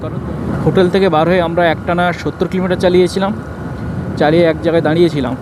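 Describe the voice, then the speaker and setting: A man's voice: fairly high pitch, steady tone, fast. A man casually narrates a travel vlog, explaining things informally. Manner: informal, explanatory, giving route advice. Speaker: travel vlogger. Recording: noisy outdoor road and vehicle sound.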